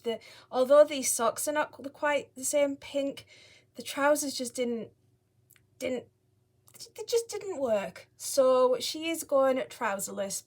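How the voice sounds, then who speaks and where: A woman chatting casually to viewers in a rambling, apologetic home vlog, recorded indoors on a tripod camera. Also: on the high side. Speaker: doll collector vlogger, channel host. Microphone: camera on a tripod at a short distance.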